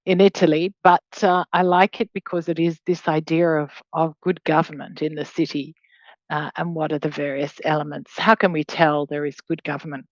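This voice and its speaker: Speaking in a low, flat voice at a normal pace, a middle-aged woman from Australia who grew up in Hong Kong delivers an academic webinar as a guest lecturer in law. She explains conversationally with hedging asides, on a dry, muffled recording.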